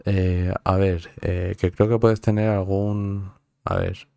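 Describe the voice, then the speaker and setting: A man's voice: deep voice, flat delivery, takes it slowly, creaky, warm tone, clean tone, no echo, studio quality. A man from central Spain with a central Spanish accent, chatting casually on a live stream, joking, swearing often and laughing at himself.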